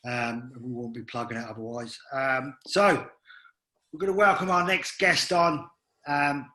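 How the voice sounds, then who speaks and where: Man, podcast host, bright voice, loose and hesitant, many ums. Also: mid-range voice, poor audio. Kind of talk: casual podcast hosting.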